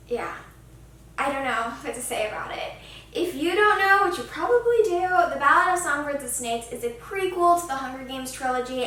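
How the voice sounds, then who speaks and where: A gushing book vlogger chats casually and emphatically to the camera, her voice high, pushed, and bright. The room is very echoey, the mic is distant, and there's faint noise.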